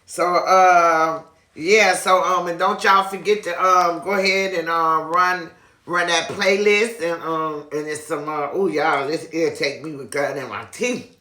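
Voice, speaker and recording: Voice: mid-range voice, fairly even intonation, unhurried, bright, forceful tone. A person chatting casually and effusively to viewers as a video host, often repeating phrases. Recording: echoey room.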